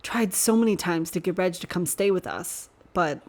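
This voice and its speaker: A woman's voice: on the low side, normal speed, a little mellow, close to an everyday voice. A woman voicing a teasing, blunt young man who talks frankly.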